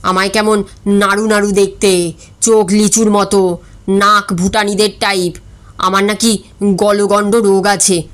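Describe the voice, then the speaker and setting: A man's voice: high voice, little pitch movement, a little slow, pauses often, a bit bright, voice pushed down. A woman doing Gorachand, a flustered, wounded bachelor. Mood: aggrieved. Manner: indignant, complaining, stammers when upset. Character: aggrieved, easily flustered middle-aged Bengali bachelor.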